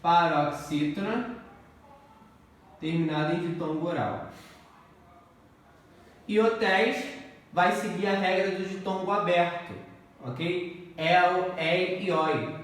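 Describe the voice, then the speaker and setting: A man's voice: sits high, slow, pauses often, a bit bright. A male teacher giving an exam-prep grammar lesson, explaining step by step and often checking in with the class. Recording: echoey room, distant mic, faint noise.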